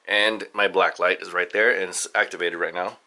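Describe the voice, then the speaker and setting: A father hosting a family video channel, casually showing off his home studio in a halting, rambling way with lots of fillers and restarts. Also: low voice, steady tone, sharp tone. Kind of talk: casual studio tour vlog.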